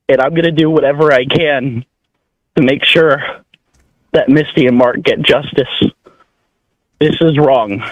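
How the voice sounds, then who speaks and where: A man giving halting, earnest testimony as a public commenter at a meeting. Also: medium pitch, dry recording. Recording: muffled, radio-like audio.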